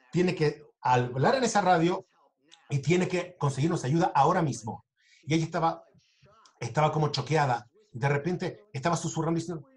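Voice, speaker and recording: A man with a slightly high voice speaks to a live audience, telling a personal story in an earnest, direct way. He stumbles and restarts often, searching for his words. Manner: halting, many restarts and stammers. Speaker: survivor giving a talk.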